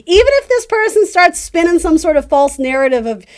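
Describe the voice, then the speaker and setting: With an extremely high pitch and big swings in her intonation, a tarot reader hosting a video offers the listener casual, encouraging advice in a conversational way. She speaks at a moderate pace.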